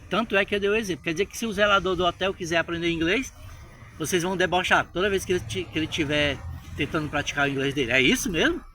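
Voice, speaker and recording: A Brazilian man telling a story to his viewers in a casual vlog, animated and chatty, often checking in with them. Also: high voice, fast talker. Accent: Brazilian Portuguese. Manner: animated, addresses viewers directly with frequent tag questions. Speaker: English-learning vlogger.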